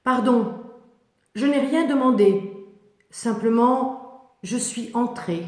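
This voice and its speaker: A woman's voice: a little high, slow pace. A woman voicing a defiant, devoted outcast woman in a solemn, emphatic, declamatory biblical monologue. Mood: humble. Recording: echoey, reverberant room.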